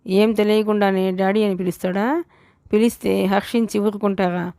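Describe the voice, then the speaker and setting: Pushy neighbor woman, read by a woman narrator, taunting, bossy, slow and insistent, smooth clear voice, flat tune. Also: mid-range voice, no room sound, clean studio sound, lightly acted. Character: pushy meddling neighbor woman demanding donations.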